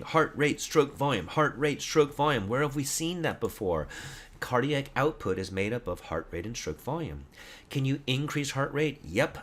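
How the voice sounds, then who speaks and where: In a casual, lively lecture over slides, a man with a mid-range voice teaches anatomy and physiology. He quizzes listeners with true-or-false questions and corrects himself along the way.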